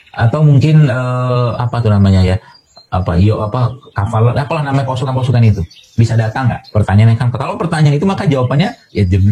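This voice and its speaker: A man's voice: medium pitch, warm tone, slight background noise. A man from Indonesia giving a health talk to an audience as a doctor, explaining with everyday analogies and a lot of fillers.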